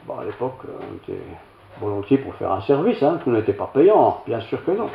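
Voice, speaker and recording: Older belgian pastor spinning a self-mocking farm story, pitch swinging all over, echoey church, bit muffled. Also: male voice, sing-song, brisk, gravelly. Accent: Belgian French. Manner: homely anecdotal telling, self-mocking, many asides. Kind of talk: storytelling sermon. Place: church hall. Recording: roomy, slightly dull church recording.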